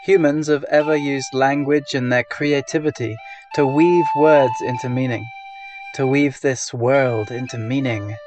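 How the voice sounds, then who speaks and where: A man, the host, giving a gentle, measured scripted introduction. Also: mid-range voice, steady tone. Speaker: podcast host. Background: loud flute music.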